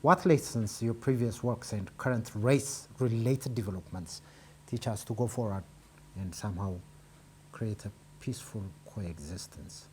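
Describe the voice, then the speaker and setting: A man hosting an interview, asking careful, measured questions. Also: lowish voice, darkish tone, a little hiss or hum. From Ethiopia. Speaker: host.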